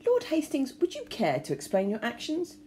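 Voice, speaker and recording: A woman voicing a calm male police inspector who speaks in a measured way. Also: sits high, a little hiss or hum, pitched above the performer's own voice.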